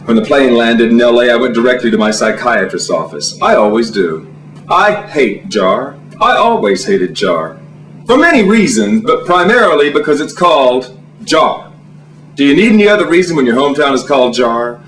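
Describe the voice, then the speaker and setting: A man's voice: very animated, normal speed, a bit bright. A man from Alabama performing a campy, theatrical comic monologue as a stand-up comedian. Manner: campy, theatrical, swooping pitch for punchlines. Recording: roomy, a bit distant from the mic.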